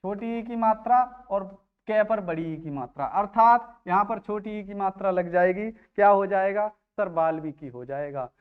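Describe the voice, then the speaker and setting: Very high-pitched man teaching, smooth voice. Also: moderate pace, narrow, tinny audio. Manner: quizzes himself, asks then answers. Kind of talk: spelling lesson.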